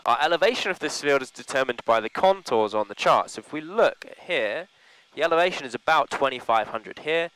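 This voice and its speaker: A man working as a flight instructor, calmly and methodically talking a student through procedures in a small plane cockpit. He speaks over a pilot's headset intercom and checks in often with "okay?". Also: medium pitch, brisk, few pauses, clear, resonant tone, low-quality recording.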